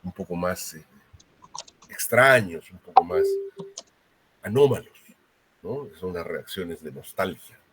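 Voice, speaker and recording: A man's voice: sits low, lively intonation, slow pace, pauses often, a bit bright, slight background noise. A man giving a university lecture, explaining step by step and often checking in with a tag question.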